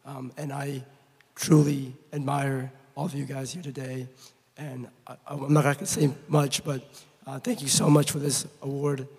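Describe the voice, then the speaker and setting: A man with a hoarse, raspy voice, giving an award acceptance speech in a halting way with many pauses and ums. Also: mid-range voice, level tone, a little mellow. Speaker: award recipient. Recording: long reverb of a large hall.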